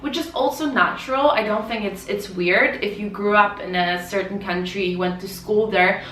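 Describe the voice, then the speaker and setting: A woman's voice: mid-range voice, normal speed, fairly bright tone, a little hiss or hum. A woman in her twenties from Poland, chatting casually to camera as a vlogger and correcting herself as she goes. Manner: chatty, recounting with fillers and self-corrections. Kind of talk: casual vlog talk to camera. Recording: roomy echo, mic at a distance.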